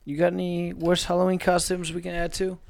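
Young man, co-host, casual chat, moderating, slightly higher voice. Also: completely flat delivery, a little fast, vocal fry. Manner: leads the segment, asks others in turn.

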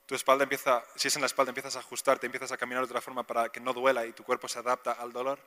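A man's voice: mid-range voice, completely flat delivery, rapid-fire, pushed and bright, in a large hall. A man with a Spain Spanish accent giving a casual, chatty sermon, often asking the audience questions. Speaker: preacher.

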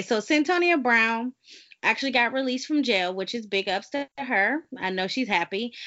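A young woman hosts a casual podcast in a brash, profane, teasing way. Her voice sits a little high and swings widely in pitch. The audio is dull and lo-fi. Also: fairly bright tone. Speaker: podcast host.

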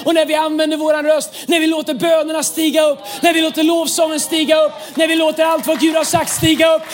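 A man pastor preaching an impassioned sermon, often raising his voice to a shout and dropping English phrases into his talk. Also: very high voice, monotone.

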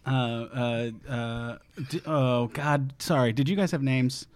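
A man narrating scenes in an improv comedy podcast, halting with many fillers. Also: medium pitch.

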